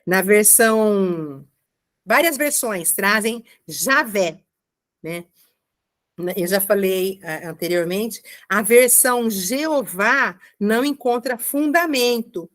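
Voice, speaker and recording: A woman giving a commented Bible reading, explaining slowly with frequent checking asides. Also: mid-range voice, a bit bright. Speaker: Bible teacher.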